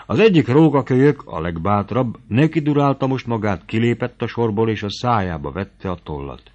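Male audiobook narrator, low-pitched, expressive and dramatic; dull muffled recording. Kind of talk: audiobook reading of a classic novel.

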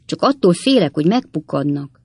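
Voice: medium pitch, big pitch swings, slightly rough, no room sound. A reader voicing Sam Weller, a witty, worldly young manservant who tells tall tales offhandedly, in a dry audiobook reading. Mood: wry, lively. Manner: wry, storytelling, offhand.

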